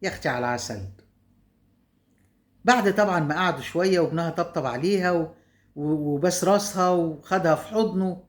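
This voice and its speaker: A woman's voice: lowish voice, a little fast, pauses often. Chatty Egyptian woman telling a story. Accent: Egyptian Arabic. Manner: chatty, with asides to viewers. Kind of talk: casual spoken storytelling.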